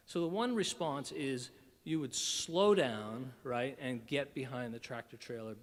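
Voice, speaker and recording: A man with a medium-pitched voice speaks a little slowly, his sound filling a big room. He is delivering a humorous, self-deprecating keynote at a conference breakfast, telling stories animatedly and restarting often.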